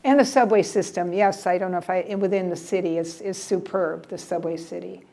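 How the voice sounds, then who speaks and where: In a library event room, an older American woman chats through an informal travel talk and fields audience questions, often repeating words and ending thoughts with a trailing "yeah". She talks a little fast in a lowish, mellow voice with fairly even intonation.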